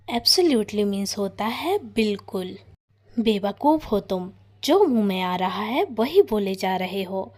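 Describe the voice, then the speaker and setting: A woman teaching English. She reads each phrase slowly in a deliberate drill and says every sentence twice. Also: fairly high pitch, a little mellow. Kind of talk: slow bilingual phrase drill.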